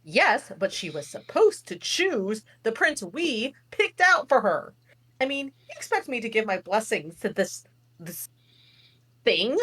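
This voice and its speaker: A woman reads a nervous old king who frets and stammers his way through every excuse. The voice sits fairly high and leaps around in pitch, with an unhurried, drawn-out delivery. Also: big pitch swings, a bit bright, husky, exaggerated voice. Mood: indignant. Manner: fretful, stammering, dramatic sighs. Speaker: reader. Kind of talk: live table read.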